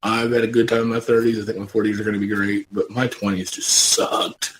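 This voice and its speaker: A man's voice: lowish voice, flat delivery, fairly quick, a little hiss or hum, poor audio. A man in his late thirties co-hosting a casual gaming podcast. He talks in a blunt, matter-of-fact way. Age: late 30s. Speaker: podcast co-host. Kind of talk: casual chat.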